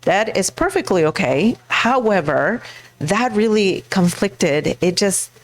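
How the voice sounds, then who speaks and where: A middle-aged woman from Mexico, a school board candidate speaking earnestly into a handheld mic, pausing often with fillers and restarts. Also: mid-range voice, big pitch swings. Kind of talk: personal speech to a live audience.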